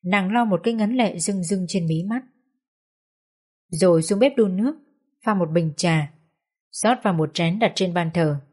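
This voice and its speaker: A woman reading a social drama story aloud in a calm, measured way. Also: lowish voice, slightly rough. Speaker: story reader. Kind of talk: audiobook narration.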